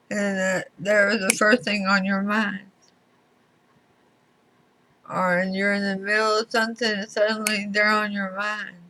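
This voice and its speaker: Lady doing tarot reading, real slow, sharp bright voice, bit slurred like her mouth is swollen. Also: mid-range voice, poor audio. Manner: deliberate, pausing between short phrases. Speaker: tarot reader. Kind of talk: tarot reading, talking to viewers.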